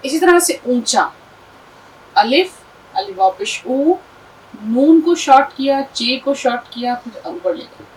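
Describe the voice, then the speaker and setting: Woman teacher, fairly high voice, patient, spelling words out letter by letter, a bit far from the mic. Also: expressive. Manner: patient, explanatory, asks the class questions. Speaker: Urdu teacher. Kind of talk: classroom lesson, spelling out letters.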